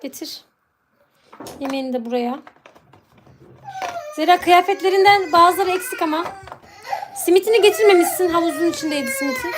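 A woman's voice: very high-pitched, lively intonation, brisk, pauses often. A woman filming a home vlog, coaxing and soothing her crying children while talking to viewers. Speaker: mother and channel host. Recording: loud background noise.

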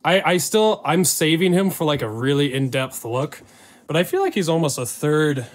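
A man's voice: on the high side, animated, normal speed. A man hosting a casual podcast chat who talks in a rambling, emphatic way, with lots of fillers and the odd swear word. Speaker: podcast host.

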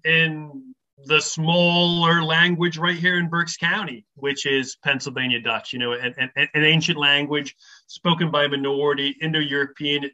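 On a podcast, a middle-aged English professor gives long, relaxed explanations, scholarly and thoughtful, often saying um and starting over. The slightly muffled lo-fi recording captures a somewhat high voice that sounds pushed and bright.

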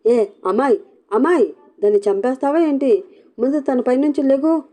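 A woman's voice: medium pitch, expressive, moderate pace, mellow, close to an everyday voice. A woman voicing an impatient, scolding elder sister-in-law in a storybook reading. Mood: alarmed.

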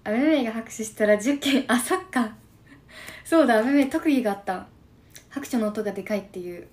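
A young woman in her twenties with a Shimane accent and a husky, slightly hoarse voice, chatting casually on a live stream. She reads viewer comments aloud and murmurs quick thank-yous between remarks. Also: on the high side, background noise. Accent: Shimane dialect. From Shimane, Japan. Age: 20s. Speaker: idol livestreamer.

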